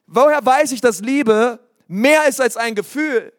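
Male preacher, very high voice, emphatic and animated, loud outbursts, dry close sound. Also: unhurried, no echo. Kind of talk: sermon.

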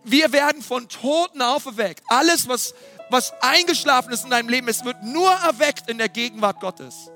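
A man giving a lively, emphatic sermon with dramatic questions. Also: extremely high pitch, moderate pace, soft background music. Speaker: preacher.

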